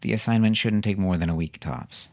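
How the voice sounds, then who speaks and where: A man's voice: lowish voice, fairly quick, a little mellow, close to an everyday voice. A man reading an audiobook, voicing a patient, weary soldier father who jokes with his family.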